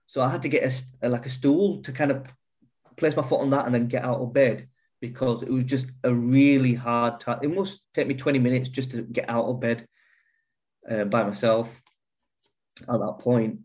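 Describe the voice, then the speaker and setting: A man of middle pitch speaks earnestly about a hard stretch of his life. He swears freely and often restarts his sentences, with an unpolished, candid delivery. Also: fairly even intonation, normal speed, darkish tone. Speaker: guest. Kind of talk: candid personal storytelling.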